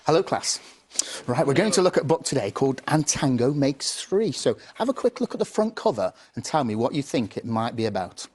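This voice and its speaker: In a television studio, a primary head teacher reads a storybook and teaches an audience in a plain, classroom-style way. He speaks briskly in a medium-pitched, sing-song voice, darkish in tone with a breathy edge.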